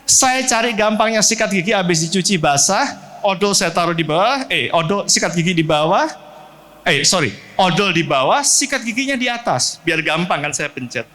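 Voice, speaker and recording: A middle-aged pastor from Central Java, Indonesia, preaches at a normal speed in a high, lively voice that keeps leaping up and dropping low. He animatedly asks the congregation direct questions and slips English words into the sermon.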